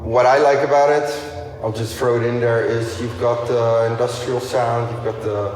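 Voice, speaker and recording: A laid-back, enthusiastic man interviewing a guest in casual chat, swearing freely. His mid-pitched voice sounds distant from the mic and washes around a very echoey room. There is a long reverb tail and faint background noise. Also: little pitch movement, normal speed, darkish tone. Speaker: interviewer for the label. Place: Beirut. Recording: echoey hall, voice from far off.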